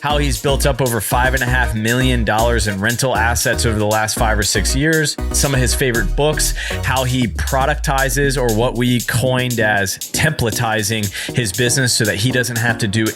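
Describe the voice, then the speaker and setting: A man's voice: medium pitch, steady tone, normal speed. Casual young male podcast host, mid-range voice, upbeat slangy delivery, music bed underneath.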